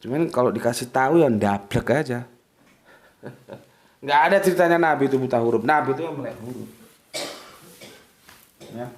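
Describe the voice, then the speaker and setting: A man's voice: mid-range voice, moderate pace, long pauses. A man giving an informal religious lecture, casual and direct, often checking that his listeners follow. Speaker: religious teacher. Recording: echoey room.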